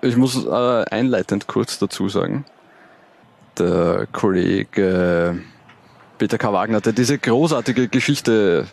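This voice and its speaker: A male podcast co-host with a lowish, gravelly voice. He chats casually and hesitantly, pausing on fillers as he goes. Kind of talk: casual chat.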